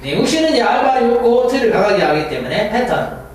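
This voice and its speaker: A man's voice: extremely high pitch, fast, slight background noise. A man lecturing on English words and grammar, who jokes and thinks aloud. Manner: lively, joking, thinks aloud. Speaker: English teacher. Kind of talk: classroom lecture. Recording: echoey room, mic far off.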